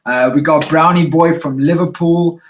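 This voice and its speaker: Excitable male live-stream host. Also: normal speed, reverberant, distant mic, poor audio. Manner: high-energy, excitable, reads out viewer comments. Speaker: interviewer, live show host.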